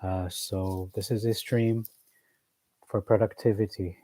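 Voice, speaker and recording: A man's voice: lowish voice, little pitch movement, measured pace, mellow, rough recording. A man casually chatting to camera as he cleans his bedroom, rambling and self-mocking with lots of fillers. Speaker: vlogger streaming himself cleaning. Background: faint chiptune music playing.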